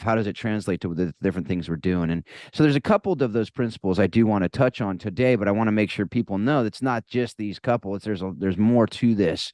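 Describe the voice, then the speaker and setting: A podcast host chats casually in an interview, frequently restarting his sentences and wandering into asides. His voice is fairly low and a little mellow, captured as clean studio sound with no room echo.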